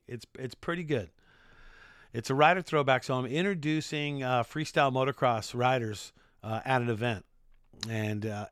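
A man's voice: mid-range voice, a bit bright, no echo, clean studio sound. A middle-aged American man hosting his own podcast, chatting in an upbeat, rambling way with lots of fillers. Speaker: podcast host and sports announcer. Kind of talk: casual solo podcast talk.

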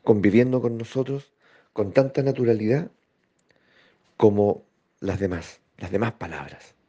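A man giving a slow, reflective spiritual talk, pausing often and checking in with his listeners. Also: lowish voice, warm tone, husky. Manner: slow, thoughtful, with pauses and rhetorical checks. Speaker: spiritual teacher. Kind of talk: reflective spoken teaching. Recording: dull lo-fi recording.

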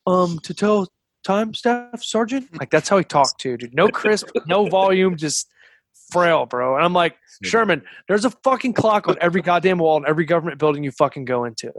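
A man's voice: fairly high pitch, expressive, a little fast, dry recording. A man telling casual podcast stories in heavily profane, slangy, emphatic military talk. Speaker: former military staff sergeant telling stories.

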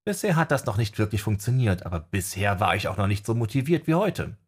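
A man's voice: fairly low pitch, very animated, brisk, slightly rough. Man voicing an earnest young wind mage. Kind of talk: audiobook character voice.

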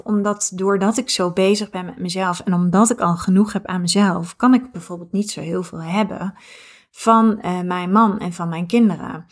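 A woman in her thirties talks through her podcast in a relaxed, reflective monologue. She thinks out loud, with frequent fillers and restarted phrases. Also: medium pitch. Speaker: podcast host.

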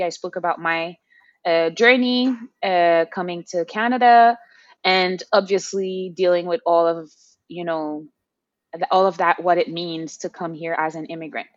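A young woman from Haiti, a podcast guest speaking thoughtfully in a casual interview, pausing to find her words. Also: lowish voice, dry recording, lo-fi sound. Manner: thoughtful, with fillers and restarts.

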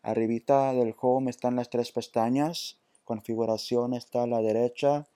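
A man's voice: medium pitch, steady tone, normal speed, warm tone, a little hiss or hum. A man presenting a tech tutorial, patiently walking through each step with hesitant restarts. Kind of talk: screen-reader app walkthrough.

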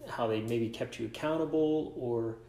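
Gravelly-voiced man hosting a coaching chat. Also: mid-range voice, normal speed, dark tone. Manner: reflective, asks long rambling questions. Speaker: podcast host, coach and author. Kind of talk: casual interview chat. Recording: echoey room.

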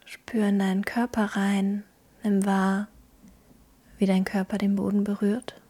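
Soft breathy woman, hushed spa-like near-whisper. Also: mid-range voice, completely flat delivery. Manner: gentle, hushed, slow pauses between phrases. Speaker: podcast host guiding a meditation.

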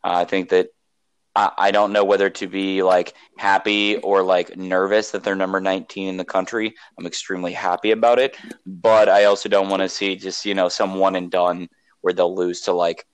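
A young man with a low voice co-hosts a casual podcast. He sounds easygoing and cheers his partner on. The recording is dry and close. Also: little pitch movement, clear, resonant tone, dry recording, rough recording. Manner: easygoing, quick to cheer along. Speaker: podcast co-host.

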